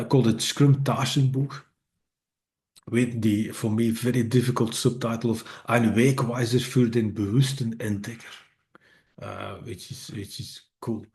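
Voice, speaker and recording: A lowish, darkish voice with fairly even intonation comes at a somewhat slow pace. The speaker is a middle-aged author whose native tongue is Dutch, giving an informal English presentation online; he hesitates, restarts, fills pauses, and jokes wryly at his own expense.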